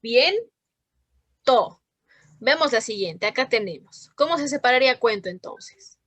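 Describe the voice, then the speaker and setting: A woman's voice: on the high side, animated, a little fast, bright, forceful tone, no room sound. A woman teaching a literature class over a video call, patient and asking questions often. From Ecuador. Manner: patient, checks in with frequent questions. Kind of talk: online class lesson.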